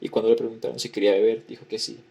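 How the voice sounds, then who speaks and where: A man lecturing, reading a historical record aloud in a measured way and repeating the same formula as he goes. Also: fairly low pitch, level tone, vocal fry, warm tone, breathy edge.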